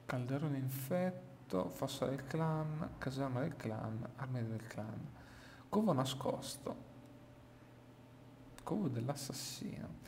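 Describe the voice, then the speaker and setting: A man's voice: medium pitch, animated, slow pace, a little mellow. A man giving casual gameplay commentary, thinking aloud, recorded in a small, bare, echoey room. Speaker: gaming YouTuber. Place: small room emptied of furniture, indoors. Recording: echoey small empty room, clear background noise.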